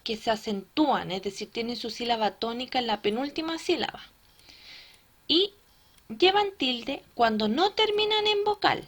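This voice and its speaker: A woman's voice: fairly high pitch, expressive, normal speed. A woman teacher explaining a lesson step by step and checking understanding with frequent tag questions. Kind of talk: recorded classroom lesson.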